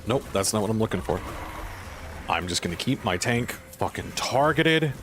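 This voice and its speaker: A man's voice: lowish voice, lively intonation, normal speed, music in the background. A man giving live gameplay commentary as a healer, venting in an exasperated, profane way and repeating himself for emphasis. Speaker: gamer, streamer playing a healer.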